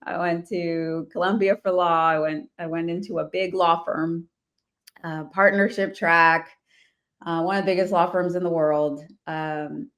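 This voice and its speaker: An interview guest who invests in real estate, this woman from the Washington, D.C. area speaks unhurriedly in a lowish voice with fairly even intonation. Her life story comes out casually, with frequent laughs and many restarts.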